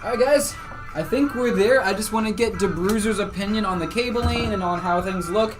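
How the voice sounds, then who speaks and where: A man's voice: high-pitched, brisk, over music. A man from Virginia co-hosting a live stream, laid-back and joking while building a PC. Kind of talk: casual live-stream chat.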